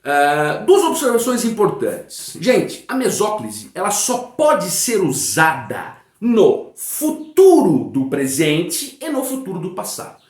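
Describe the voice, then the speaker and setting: A man teaching a grammar lesson in a didactic way. He often checks that his students follow, and he reads example sentences slowly and with emphasis. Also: sits high, huge pitch swings, roomy sound. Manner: didactic, checks understanding with frequent "né?" and "tá bom?".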